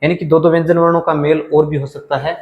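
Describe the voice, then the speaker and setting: A man's voice: a little high, flat delivery, vocal fry, phone-quality sound. Echoey male teacher, asks his own questions. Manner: patient, asks and answers his own questions, repeats sounds slowly. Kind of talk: classroom lesson explaining Sanskrit letters. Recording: echoey room with long reverb.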